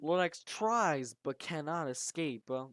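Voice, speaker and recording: An amateur storyteller recounts a fan-made horror tale with dramatic, animated delivery and keeps restarting sentences. The voice sits at a middling pitch and sounds dry and close, with no room around it. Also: a little slow, dry recording.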